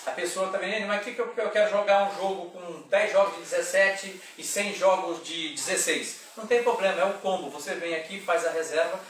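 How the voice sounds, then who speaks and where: A man's voice: high voice, a little fast, hardly any pauses, a bit bright, very echoey, distant mic. A middle-aged man who runs a lottery shop, chatting casually straight to camera as he reads out results and prices. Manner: chatty, reads numbers and prices off papers, adds "tá?" often. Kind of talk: casual direct-to-camera announcements. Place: small office in a lottery shop, indoors. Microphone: far camera on a desk.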